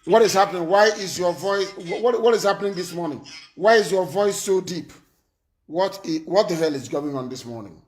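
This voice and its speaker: A man's voice: high-pitched, moderate pace, slight background noise. A man hosting a live call-in talk show who talks in a commanding way, repeats his points and scolds his callers. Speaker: live stream host taking calls.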